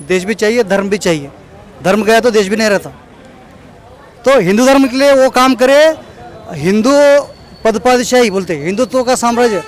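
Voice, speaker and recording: A man being interviewed outdoors at a celebration, talking earnestly and repeating his points, with English words mixed into his speech. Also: extremely high pitch. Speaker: local organizer interviewed at a celebration. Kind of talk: informal street interview.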